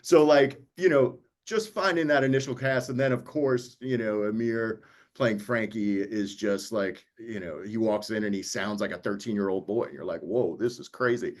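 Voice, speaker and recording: A New York man who produces audiobooks chats casually on a panel, telling stories by acting out bits of dialogue. His voice is lowish, his pace moderate, and he hardly pauses.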